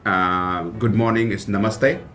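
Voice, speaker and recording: This college president from South India, whose mother tongue is Kannada, has a lowish, fairly bright voice and an unhurried pace, with faint music behind him. Chatting casually on radio in the studio, he is earnest and grateful and keeps restarting his phrases.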